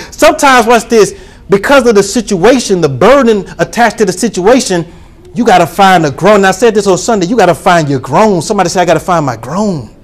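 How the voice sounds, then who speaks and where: A pastor preaching a sermon to his congregation, calling for responses and rising to shouts. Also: high voice, lively intonation, a little fast.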